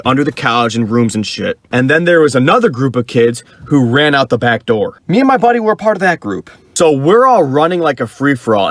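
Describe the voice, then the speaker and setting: Young man, casual storytime, excited, lively pitch, dry close sound. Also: no echo.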